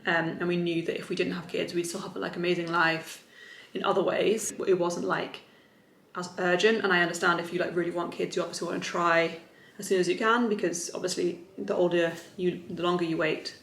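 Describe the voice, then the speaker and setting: A woman in her mid-thirties talks straight to the camera in a loose, rambling way, leaning on "like" as she goes. Her voice sits a little low with a gravelly edge. The bedroom sounds echoey, and faint music plays underneath. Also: level tone, brisk, fairly bright tone. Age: 30s. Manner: chatty, rambling, heavy use of "like". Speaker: vlogger. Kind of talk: casual chat to camera. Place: bedroom at home. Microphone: camera on a stand.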